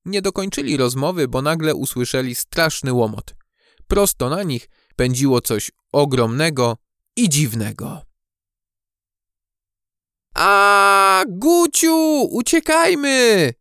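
A man narrating a children's storybook audiobook with expressive, measured storytelling on a close studio mic. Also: mid-range voice, dry recording.

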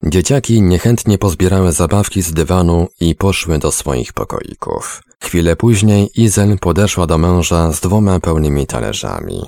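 A male storyteller reads in a deep, gravelly voice with a lively rise and fall. He sounds close to the mic in a dry space. The pace is measured and expressive. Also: dry recording. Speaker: narrator. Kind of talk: storybook narration.

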